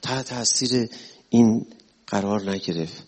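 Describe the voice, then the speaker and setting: A man's voice: on the low side, darkish tone, husky. A man preaching a religious sermon, retelling stories with emotional, exclamatory delivery. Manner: emotional, exclamatory, rising and falling.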